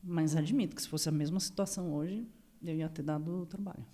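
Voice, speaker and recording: Animated Brazilian woman telling a story. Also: low-pitched, fairly quick. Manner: animated, acts out voices in her story. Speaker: podcast guest. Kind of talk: casual storytelling chat.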